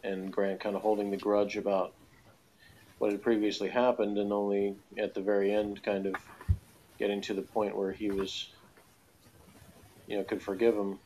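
A man with a lowish, darkish voice gives his opinions as a guest in a casual review discussion over an online call. His delivery is flat and at normal speed, rambling and hesitant with frequent pauses and lots of "you know." The audio is poor, with faint background noise from the call.

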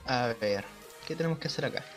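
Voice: medium pitch, lively intonation, quick pace, faint music behind. A gamer, chatting casually with a friend, giggly and narrating what is on screen. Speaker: gaming friend. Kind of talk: casual gaming chat.

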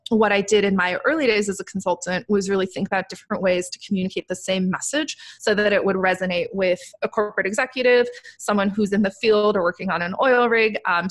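A woman in her thirties, raised in the Netherlands with Dutch and Turkish as her first languages, appears as a crypto investor guest on a casual podcast interview. She joins by video call from a home room with a brick wall, using a desktop studio mic. Her medium-pitched voice is articulate, structured, quick and fluent.

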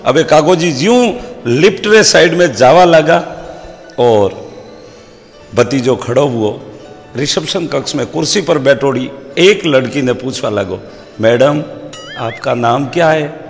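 A man's voice: medium pitch, expressive, measured pace, vocal fry, soft background music. A man with a Rajasthani accent, a comedian telling folksy comic stories, quoting proverbs and voicing characters. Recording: long hall reverb.

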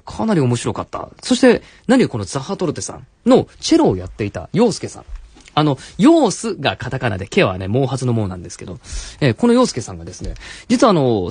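A man's voice: medium pitch, wildly swooping pitch, fairly quick, a little mellow, husky, no echo. A man hosting a live late-night radio show in a studio, talking chattily with many fillers and self-corrections. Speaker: radio host. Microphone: studio microphone.

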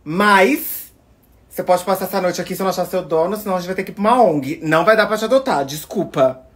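A young Brazilian man, chatting on casual phone stories and coaxing a pet in a sweet, expressive voice, indoors at home. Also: high voice, quick pace. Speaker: influencer. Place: indoors at home, apartment rooms. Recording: echoey room.

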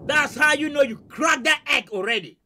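A man's voice: very high-pitched, lively intonation, moderate pace, very noisy. A man in his thirties hosting a reaction video, laughing and talking straight to his viewers from a small home studio on a headset mic. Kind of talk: excited reaction commentary. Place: small home studio with purple lights, indoors.

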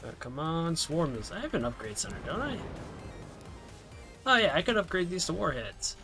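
A man's voice: a little high, big pitch swings, moderate pace, music in the background. Man muttering through a strategy game. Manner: mumbling to himself while playing. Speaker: gameplay video creator. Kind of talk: casual gameplay commentary.

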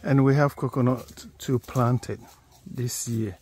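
A Ghanaian farmer gives a casual walking tour of his farm, slowly and plainly pointing out the crops in a mid-range, steady, slightly mellow and husky voice. He records outdoors on a phone held in his hand as he walks.

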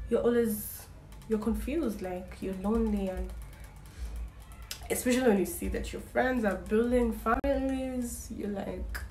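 This casual vlog features a woman in her twenties with a mellow, mid-range voice addressing the camera in a small indoor room. Her talk is frank, dry-humored, and rambling with many restarts, and the audio picks up echo and a faint hiss.

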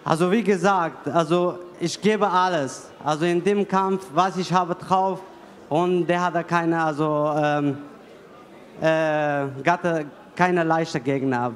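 A man's voice: a little high, steady tone. A man in his thirties from Afghanistan, a fighter answering interview questions in broken, hesitant speech full of fillers and restarts, talking into a handheld mic at an indoor fight venue. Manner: halting, many fillers and restarts. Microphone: handheld mic held by interviewer. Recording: long hall reverb.

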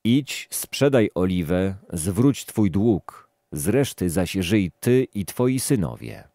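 A man reading a stern old male prophet's words aloud in a calm, measured way, barely shifting from his own voice. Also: low-pitched, no echo, studio quality, full character voice. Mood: solemn.

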